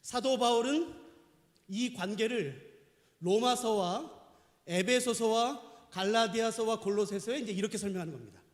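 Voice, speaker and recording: A middle-aged male pastor preaching a sermon, emphatic and questioning the congregation. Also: high voice. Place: church sanctuary. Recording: echoey church hall.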